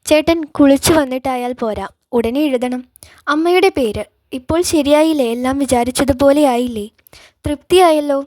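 A woman's voice: high voice, normal speed, a little mellow, dry recording, studio quality, close to an everyday voice. A woman doing a bitter, reproachful young woman. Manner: reproachful, needling.

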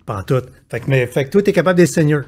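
A man's voice: fairly high pitch, animated, very fast, a little mellow. A man with a Québécois French accent hosting a podcast, playful and joking, often stumbling and repeating words as he asks questions. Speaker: podcast host. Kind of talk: casual conversation.

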